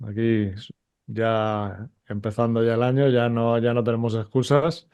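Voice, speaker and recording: A man speaking over a dull, muffled remote line, his voice smooth and resonant but very flat in its melody. He chats casually and jokily as a consultancy coordinator, with a middle pitch. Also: measured pace. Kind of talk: casual chat.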